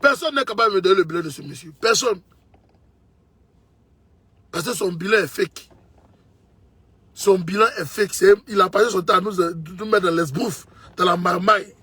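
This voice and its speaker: An Ivorian man speaks at a moderate pace in a high, sharp, slightly rough voice, pausing often, with no room sound. As a political commentator he delivers an impassioned monologue, driving his points home repeatedly to the listener he calls brother.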